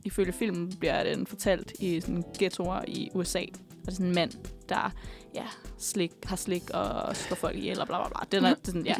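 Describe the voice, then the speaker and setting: A young woman telling a personal story in a casual chat, animated and full of fillers. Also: lowish voice, creaky, hardly any pauses, soft background music.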